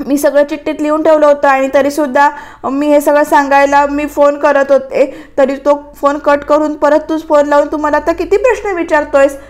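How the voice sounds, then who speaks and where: A feisty young wife from a TV serial who teases and argues back, as a woman reads her lines. She speaks in a high voice. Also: little pitch movement, normal speed, darkish tone, close to an everyday voice. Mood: bickering. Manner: teasing, argumentative.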